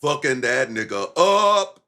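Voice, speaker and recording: A man's voice: mid-range voice, very animated, slow pace, pushed and bright. A man hosting a casual, profane livestream, rambling in a laid-back stoner way with heavy slang and swearing. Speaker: livestream host.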